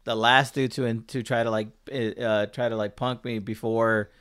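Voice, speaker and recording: A man's voice: medium pitch, fairly even intonation, a little slow, a bit bright, clear, resonant tone. A man chatting casually on a podcast, joking and easygoing, often hesitating with ums.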